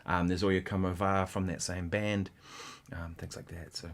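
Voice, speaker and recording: A man hosting a casual guitar livestream, rambling in a halting way with many restarts and sometimes counting rhythms aloud. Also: sits low, level tone.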